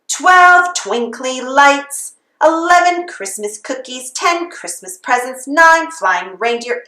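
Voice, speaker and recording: Styled like a Christmas carol, this children's read-aloud comes from a storybook reader, a woman with a high, pushed, bright voice. She moves at a slow, even pace while the room wraps her in clear echo.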